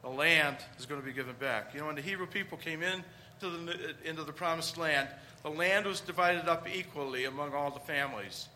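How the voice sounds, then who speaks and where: A man's voice: a little high, a little fast, sharp tone, a little hiss or hum. A man preaching a conversational homily, with rhetorical questions and emphatic points.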